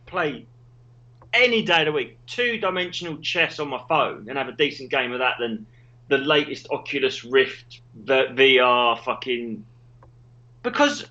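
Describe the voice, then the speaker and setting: A man co-hosting a casual comedy chat over a call, excitable and sweary, with a voice that leaps up and down. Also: fairly high pitch, muffled recording. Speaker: podcast co-host. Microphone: remote call.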